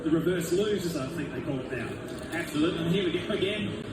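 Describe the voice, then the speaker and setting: A man giving race commentary, explaining what went wrong with a car in a measured way. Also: on the high side, roomy sound, noisy background.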